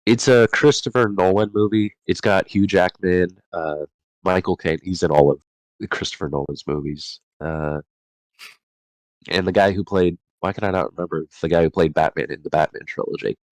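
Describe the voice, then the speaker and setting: Low-voiced man reading notes aloud. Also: fairly even intonation, normal speed, no echo, poor audio. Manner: reads from notes, stumbles and corrects himself. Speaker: podcast host reading chapter summaries. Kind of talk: casual book discussion.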